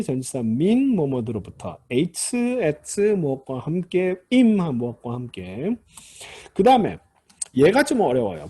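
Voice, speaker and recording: Animated, husky-voiced male lecturer. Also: a little high. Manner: patient, repeats key terms, starts points with "자". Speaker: Hebrew grammar lecturer. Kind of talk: recorded classroom lecture.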